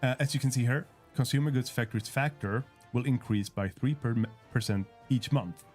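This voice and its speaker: On a developer livestream, a game developer casually walks through a strategy game, speaking English as a second language. His mid-range, darkish voice is brisk but hesitant, full of fillers and restarts, with soft music behind him.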